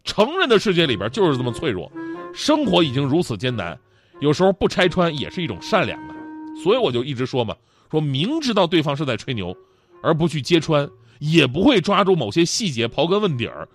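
A man's voice: a little high, very animated, brisk, faint music behind. A man hosting a talk show, telling a humorous story in a chatty manner that often stammers and repeats words.

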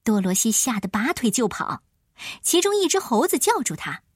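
Animated woman telling a children's story. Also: fairly high pitch, moderate pace, slightly rough, dry recording, clean studio sound. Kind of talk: expressive scripted children's story narration.

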